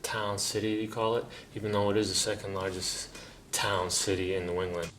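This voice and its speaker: Man, from Massachusetts, very deep, monotone, blunt, casual. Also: brisk. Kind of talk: interview answer.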